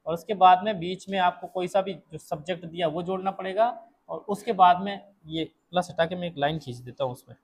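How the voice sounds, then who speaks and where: A man with a Hindi accent and a high voice teaches a classroom English lesson slowly and repetitively, going over points again and drilling students with questions. The recording is low quality.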